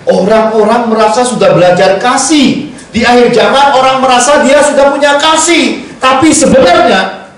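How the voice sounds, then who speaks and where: A man, a pastor preaching a sermon, telling stories with lively quoted dialogue and laughing asides. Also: extremely high pitch, normal speed. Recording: echoey, far from the mic, faint noise.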